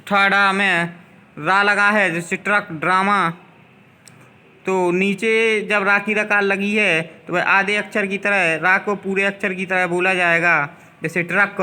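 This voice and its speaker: Male teacher, high and bright voice, slow and deliberate, drills word pairs in a classroom lesson.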